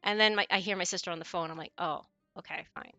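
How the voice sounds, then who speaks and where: A woman's voice: fairly low pitch, fast, sharp tone, no room sound, lo-fi sound, faint music behind. A woman in her forties, chatting casually with viewers on her stream, rambling and often correcting herself mid-sentence. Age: 40s.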